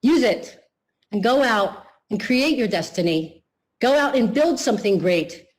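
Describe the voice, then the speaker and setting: A middle-aged woman giving a motivational keynote speech, earnest and deliberate, slowing down to stress her points. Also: on the high side, expressive, low-quality recording. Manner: earnest, deliberate, slows for emphasis. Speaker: keynote speaker.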